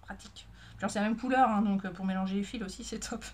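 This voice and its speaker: A woman's voice: mid-range voice, steady tone, fast talker. A woman, a mother, chatting casually to her viewers in a rambling, self-mocking way with many fillers. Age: adult with a child. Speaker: sewing and knitting vlogger. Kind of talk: casual chat to camera.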